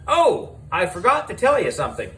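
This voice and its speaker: A man with a high-pitched voice narrates a children's audiobook as a schoolboy character. He is animated and deliberate and uses dramatic pauses.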